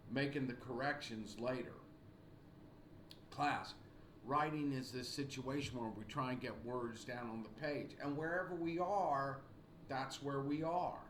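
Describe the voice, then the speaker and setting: Faint background noise and echo fill the small home room where this sixty-something writing instructor delivers a recorded lecture to his webcam. His mid-range voice is a bit bright; he speaks slowly, repeats things to encourage students, and keeps clearing his throat.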